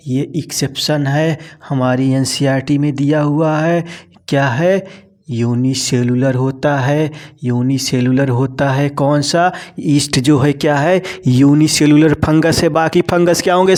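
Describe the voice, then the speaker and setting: Brief: male biology tutor, slightly high voice, repetitive question-and-answer drilling. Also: a little mellow. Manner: repeats key terms, asks and answers own questions; talks to students as "bhai sahab" and "beta". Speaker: biology teacher. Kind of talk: exam-prep lecture.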